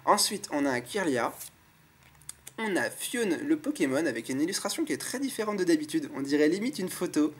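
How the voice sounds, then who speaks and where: A man's voice: on the high side, sing-song, brisk, slightly rough. A man hosting his own channel, chatting casually and enthusiastically as he opens a pack of trading cards and admires each one aloud. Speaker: YouTube channel host. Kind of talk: casual card-pack opening commentary.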